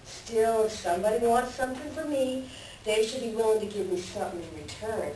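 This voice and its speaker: A woman's voice: a little high, fairly quick, warm tone, natural voice. A woman playing a sly, self-serving coyote trickster with folksy, rustic speech in a readers theater animal tale. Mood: cagey, stubborn. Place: library readers theater performance. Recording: roomy, distant mic, faint background noise.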